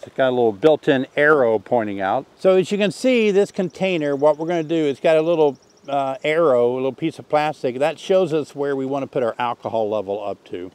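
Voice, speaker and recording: A man in his sixties teaching a beekeeping test outdoors by the hives, talking in a relaxed, folksy way while he works. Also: medium pitch, a little fast. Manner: relaxed, folksy, thinks aloud while working. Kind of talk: hands-on outdoor demonstration. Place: outdoors in an orchard beside beehives.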